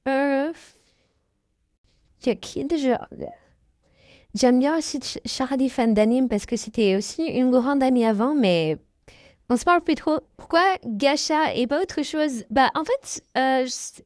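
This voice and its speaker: Speaking at a measured pace in a high voice, a young YouTuber fields her viewers' questions, hesitating, using lots of filler words and laughing lightly along the way. The audio is studio quality with no room sound.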